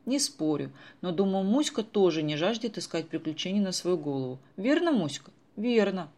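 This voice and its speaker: A reader voicing a sharp-tongued teenage girl in a storybook who speaks in a sarcastic, indignant way. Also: mid-range voice, very animated, moderate pace, voice pushed up.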